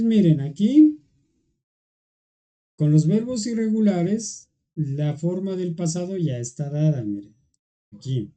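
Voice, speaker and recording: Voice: medium pitch, dark tone. A teacher explaining grammar in an online class, going patiently step by step and checking in often with the students. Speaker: English teacher.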